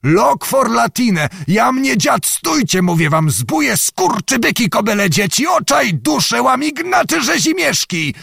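A man voicing an old, blustering nobleman disguised as a beggar, shouting curses in a raised, squeaky voice. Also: sing-song, measured pace, creaky, hardly any pauses, husky, dry recording, studio quality, exaggerated voice. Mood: indignant. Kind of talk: audiobook character voice.

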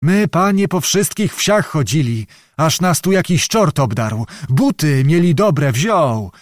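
A man's voice: a little high, big pitch swings, slow, no room sound, clean studio sound, voice pushed up. A man voicing a frightened, evasive old male beggar who plays the lyre, pleading in a Ruthenian peasant dialect. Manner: whining, pleading peasant speech.

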